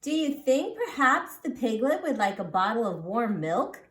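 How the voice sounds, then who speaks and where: A woman's voice: fairly high pitch, sing-song, moderate pace, fairly bright tone, distant mic. A woman voicing an eager, helpful younger sister from a storybook who is fond of everyone small. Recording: roomy, echoing sound.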